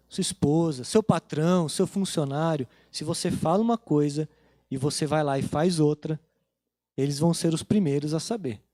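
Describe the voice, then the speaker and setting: A male pastor with a Brazilian accent and a rather high, slightly mellow voice preaches in a church. He tells his sermon like a casual story about family conversations, and the sound is close and dry with little room echo.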